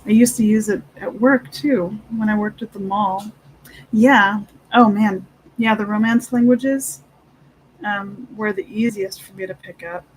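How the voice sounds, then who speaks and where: An unhurried speaker with a mid-pitched voice chats casually, switching between English and Spanish. The delivery is halting and often trails off mid-thought, with a little background noise. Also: steady tone, poor audio. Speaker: livestream host of an inking session. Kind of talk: casual chat.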